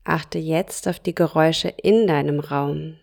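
There's vocal fry in this woman's soft, calm, fairly low voice as she leads yoga nidra. She moves very slowly through short phrases, pausing at length after each.

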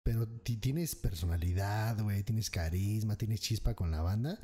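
A man with a Mexican accent co-hosting a casual podcast, talking in an animated way and acting out the lines he quotes. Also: fairly low pitch, normal speed, slightly rough. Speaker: podcast co-host.

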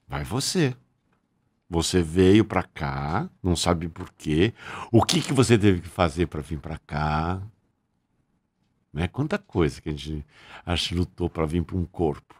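A man's voice: low voice, lively intonation, slow, long pauses, breathy edge. An older man, an actor, chatting as a podcast guest in a frank, bawdy way. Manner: frank and bawdy, says "bicho" a lot. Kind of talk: candid podcast chat.

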